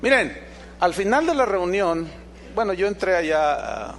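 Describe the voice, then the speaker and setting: A man's voice: sits high, lively intonation, measured pace, fairly bright tone, a little hiss or hum. A Mexican man with a Mexican accent, preaching a sermon as pastor, emphatic and quizzing his congregation with rhetorical questions. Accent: Mexican Spanish.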